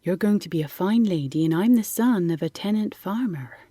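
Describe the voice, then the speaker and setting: A woman voicing an earnest, soft-spoken farm boy. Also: fairly low pitch, expressive, normal speed, no echo, clean studio sound.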